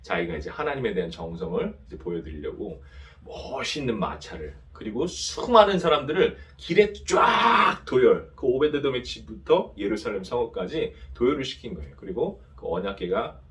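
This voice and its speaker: Animated male pastor preaching. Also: mid-range voice, moderate pace. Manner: animated, asks rhetorical questions, has the congregation repeat after him. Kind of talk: sermon to a young adults' service.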